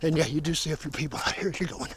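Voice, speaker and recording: A man's voice: a little high, rapid-fire, noisy background. A man filming himself on a wooded trail, out of breath and chatting as he points things out along the way. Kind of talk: casual narration while hiking. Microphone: handheld camera.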